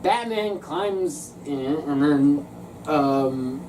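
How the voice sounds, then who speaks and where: A woman's voice: low voice, lively intonation, very slow, dark tone. A woman reviewing a film in casual comedic chat, sarcastic in tone. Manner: sarcastic, bursts into shrieking laughter. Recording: distant mic with noisy background.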